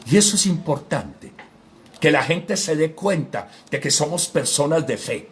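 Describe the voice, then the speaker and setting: A man giving an informal Bible teaching, speaking directly to his listeners with frequent tag questions and hesitant fillers. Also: fairly high pitch. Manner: addresses listener directly and formally.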